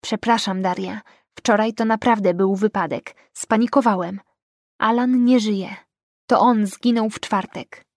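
A woman voicing a desperate young man who sends quiet apologetic messages, in an audiobook. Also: medium pitch, steady tone, a little slow, dry recording, clean studio sound. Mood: subdued.

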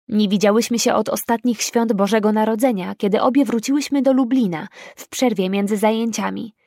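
A young woman reading a novel aloud in the first person, calm, measured and introspective. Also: a little high, no echo, clean studio sound. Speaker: audiobook narrator. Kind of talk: first-person audiobook narration.

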